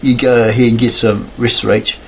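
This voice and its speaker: A man reading the lines of an easygoing, protective young boyfriend, relaxed in delivery. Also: mid-range voice, normal speed, slight background noise, natural voice, rough recording. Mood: reassuring. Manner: relaxed and smirking.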